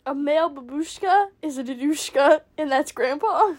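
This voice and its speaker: A high-pitched teenage girl rambles through a casual chat, giggling as she goes. Her talk is loose and self-mocking, and she jumps from thought to thought. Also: normal speed, darkish tone. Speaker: podcast co-host.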